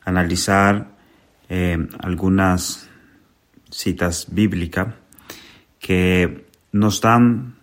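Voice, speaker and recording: A man from the Dominican Republic with a Dominican accent, giving a Bible message as guest preacher in deliberate, hesitant phrases. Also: low-pitched.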